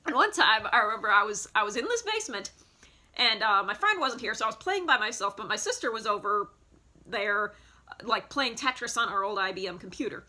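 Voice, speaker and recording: Bright, chatty woman in her thirties. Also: a little high, animated, a little fast. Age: 30s. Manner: rambling, chatty, many fillers and restarts. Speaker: vlogger. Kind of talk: casual nostalgic show-and-tell. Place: home basement. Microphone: phone.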